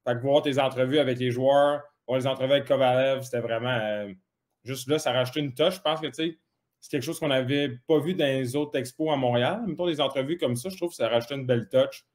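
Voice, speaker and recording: A man's voice: mid-range voice, fast. A young man with a Québécois French accent, a guest in a casual chat, easygoing and full of fillers.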